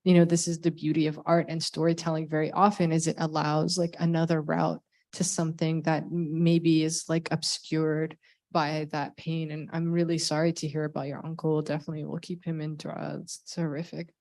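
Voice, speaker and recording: A woman's voice: low-pitched, level tone, a little fast, a little mellow. A woman interviewing a novelist in a salon conversation, phrasing her questions loosely with many asides.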